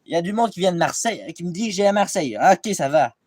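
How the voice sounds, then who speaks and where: Speaking fast in a high, darkish voice with lively intonation, a young Quebecois vlogger rambles into his tablet's built-in camera mic. He drifts loosely from one gripe to another, unscripted throughout, swearing a lot and putting himself down.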